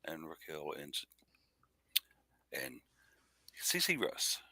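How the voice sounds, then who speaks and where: Man, deep voice, bright and forceful, lively pitch, casual sports recap, dry sound. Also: slow, no room sound. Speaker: podcast co-host.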